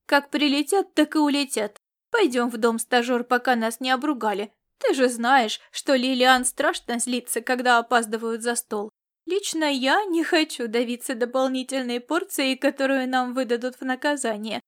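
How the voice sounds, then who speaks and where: A woman doing a calm young woman, gentle but firm, high and soft. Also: moderate pace, lightly acted. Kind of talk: audiobook character reading.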